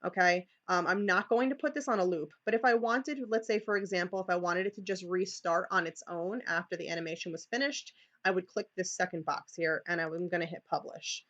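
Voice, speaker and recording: A woman's voice: fairly low pitch, brisk, few pauses, a bit bright, muffled recording. A woman with a New York accent leading a live screen-share tutorial for teachers, chatty, with many "okay"s and restarts. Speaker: teacher leading a training session.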